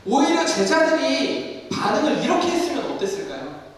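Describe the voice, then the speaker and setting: Animated male pastor in an echoey hall. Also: very high-pitched, normal speed, distant mic. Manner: animated, acts out the scripture scenes in voices. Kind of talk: sermon. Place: basement studio used for church services.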